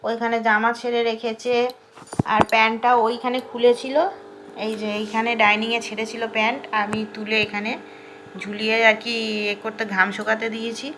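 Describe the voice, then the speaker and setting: A woman's voice: a little high, noisy background. A woman in her thirties with a West Bengal Bengali accent, chatting casually to her viewers as she goes about her day at home. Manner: chatty, addresses viewers as friends. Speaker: vlogger. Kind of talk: casual chatty vlog narration. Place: home interior.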